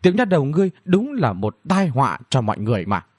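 A man's voice: mid-range voice, huge pitch swings, fast, dry recording, studio quality. A man voicing a grumpy old male academy vice-principal who wails in exasperation. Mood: exasperated. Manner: wailing, exasperated.

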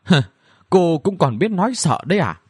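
A bold young male hero, stern and teasing, scolding in a lively, swinging tone, as a man reads him. The voice carries a husky grain. It sits dry and close, like a narrated storybook. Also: high-pitched, moderate pace, no room sound, voice pushed up, exaggerated voice. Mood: mocking. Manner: scolding, mocking.

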